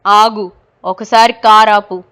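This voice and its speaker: A woman's voice: mid-range voice, fairly even intonation, slow, a bit bright, clean tone. A woman voicing a mocking female ghost who has possessed a man's wife, speaking in a cackling, menacing manner in an audio story. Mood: taunting.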